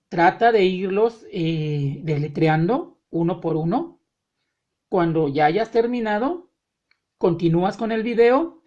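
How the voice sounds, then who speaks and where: A woman teaching French spelling to beginners, spelling words out letter by letter slowly and patiently. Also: lowish voice, a little mellow, muffled recording. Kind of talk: slow spelling lesson for beginners.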